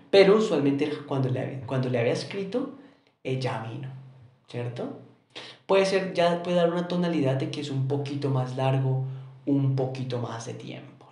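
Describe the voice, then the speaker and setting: A man's voice: fairly high pitch, dark tone, roomy sound. A man with a Colombian Spanish accent teaching English in an online lesson, explaining patiently and often checking with questions.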